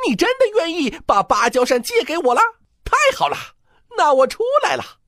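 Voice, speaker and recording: A woman's voice: sits high, sing-song, moderate pace, a bit bright, no echo, studio quality, exaggerated voice. A woman voicing a cocky, mischievous male monkey king in a children's storybook, boastful and teasing.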